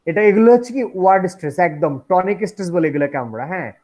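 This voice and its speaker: A man's voice: high-pitched, very animated, very fast, highs cut off. Male teacher checking students follow. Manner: mixes Bengali and English, often checks if students follow. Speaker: English phonetics teacher. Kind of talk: classroom lecture.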